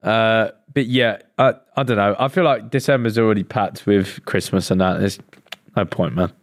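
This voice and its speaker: A man's voice: lowish voice, moderate pace, no room sound, studio quality. A young British man co-hosting a casual chat in a laid-back, slangy way. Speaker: co-host.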